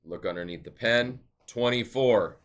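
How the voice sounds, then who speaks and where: A man's voice: mid-range voice, measured pace, a bit bright. A male teacher giving a recorded math lesson, explaining step by step and asking and answering his own questions.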